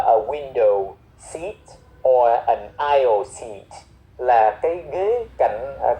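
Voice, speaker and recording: A man teaching English airport phrases, explaining each one and repeating key words slowly. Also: medium pitch, echoey room, muffled recording.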